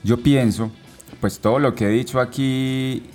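A man talking casually, often repeating and restarting words, with relaxed local slang. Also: mid-range voice, a little slow, soft background music. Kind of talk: casual chat.

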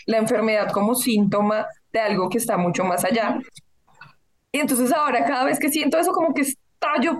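A woman on a podcast, speaking frankly and playfully about herself. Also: on the high side. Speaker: podcast co-host. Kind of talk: casual chat.

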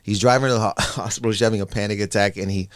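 A man in his forties from Canada, a comedian guest in a casual podcast chat, telling family stories in an animated way and acting out relatives' lines. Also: fairly low pitch, rapid-fire, clean tone, no echo, clean studio sound. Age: 40s. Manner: animated storyteller who acts out family members' lines.

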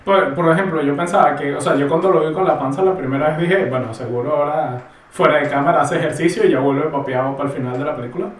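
A man, chatting casually in a relaxed, slangy way. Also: on the high side, fast talker, hardly any pauses, slight background noise. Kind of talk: casual chat. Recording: roomy and distant from the mic.

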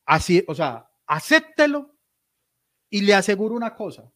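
A man's voice: high-pitched, measured pace. A man with a Colombian accent chatting casually as a podcast co-host, telling stories with animation and frequent laughter. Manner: animated storytelling, laughs often. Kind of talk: casual chat.

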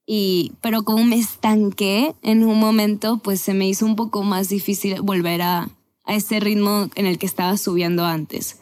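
A woman's voice: medium pitch, steady tone, moderate pace, a little mellow. Podcast guest: woman in her twenties from Venezuela, candid and chatty, mid-range voice. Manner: candid, chatty, with laughs and self-corrections. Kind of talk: casual conversational storytelling.

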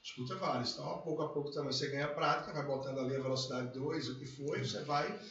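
Speaking fast in a medium pitch with a fairly bright tone, a man chats casually, reflective yet animated, about family, hobbies and life. There's a little hiss or hum, and the recording sounds muffled and echoey with faint room ambience.

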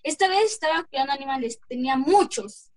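High-voiced woman narrating a folk tale. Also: expressive, brisk, no echo. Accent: Mexican Spanish.

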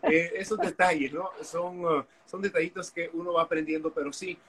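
A Honduran man, an activist appearing as a guest, tells his story candidly in an interview held over a video call, using frequent fillers. His voice is on the high side and fairly bright, with fairly even intonation and a moderate pace.

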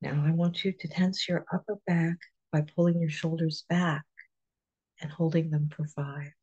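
Super breathy soft-spoken guide, half whispering, counts slow to five, dull lo-fi sound. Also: mid-range voice. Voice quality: soft, partly whispered delivery. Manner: calm, counting slowly to five. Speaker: relaxation guide. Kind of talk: guided muscle relaxation.

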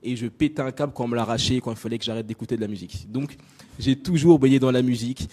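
A man's voice: mid-range voice, quick pace, darkish tone. A young adult man from France giving a personal talk to an audience, direct and chatty with many fillers. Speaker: invited speaker. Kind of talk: conference talk on stage.

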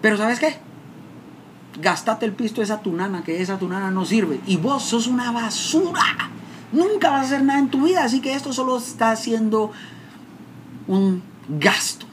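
A man with a Guatemalan accent voicing his abusive, scornful father, shouting insults. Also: extremely high pitch, expressive, fast talker, hardly any pauses, slight background noise, pitched above the performer's own voice. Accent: Guatemalan Spanish. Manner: shouting, contemptuous.

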